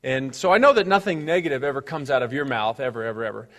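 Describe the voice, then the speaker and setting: Upbeat motivational speaker in a reverberant hall. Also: male voice, medium pitch, quick pace, a bit bright. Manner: upbeat, joking, gets the audience to repeat phrases. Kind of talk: motivational speech to a live audience. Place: large hall with an audience.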